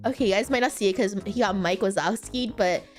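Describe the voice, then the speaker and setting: A woman's voice: medium pitch, quick pace, faint music behind. A young woman streaming, chatting casually with lots of fillers, giggles and restarts.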